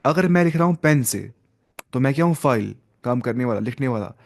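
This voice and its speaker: A man's voice: mid-range voice, lively intonation, brisk. A young man teaching an Arabic grammar class to students, explaining each step, asking questions and mixing in English terms.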